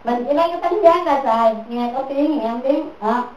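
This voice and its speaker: High-voiced woman giving a dharma talk. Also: brisk, a little mellow, dull audio, faint music behind. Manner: repetitive, keeps asking listeners "right?". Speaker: Buddhist teacher. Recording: echoey room, mic far off.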